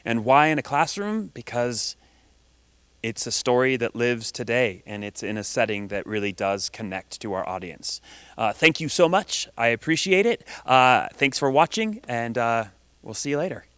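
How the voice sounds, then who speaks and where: A man speaks in a smooth, clear voice at an everyday pitch, earnest and measured. He pauses often on fillers as he explains the thinking behind a production. The sound is dry and close. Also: expressive, a bit bright, no room sound. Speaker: director. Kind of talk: recorded statement to camera.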